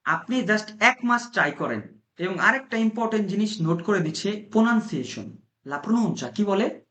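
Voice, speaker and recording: A man's voice: high-pitched, expressive, normal speed, sharp tone. A man from Bangladesh teaching an informal language class, coaching his listeners and repeating key points. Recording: roomy echo.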